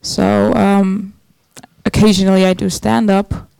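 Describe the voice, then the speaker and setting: A woman's voice: medium pitch, level tone, unhurried, gravelly, darkish tone, smooth, no echo, poor audio. A woman from Estonia introducing herself as a speaker on a live panel. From Estonia, from Narva. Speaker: panelist, amateur musician and stand-up comic.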